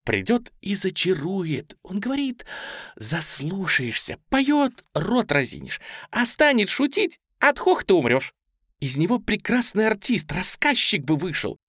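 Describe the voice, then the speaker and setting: A man's voice: sits high, huge pitch swings, normal speed, fairly bright tone, husky, no room sound, clean studio sound, voice pushed up, full character voice. A man doing a gushing, theatrical young woman. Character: flighty young woman, lively and preachy.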